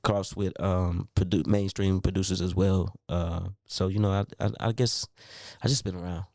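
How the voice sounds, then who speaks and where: A man in his late thirties, an R&B singer, telling his story in a relaxed interview with lots of fillers and restarts. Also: sits low, normal speed, no room sound, studio quality. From Milwaukee, raised in Baltimore. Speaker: R&B singer, guest. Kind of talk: casual interview chat. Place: radio studio.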